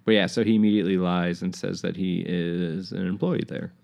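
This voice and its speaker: Low gravelly guy just chatting through a movie plot, relaxed. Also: brisk. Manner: retells scenes in detail, laid-back. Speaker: podcast co-host. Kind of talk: casual movie recap chat.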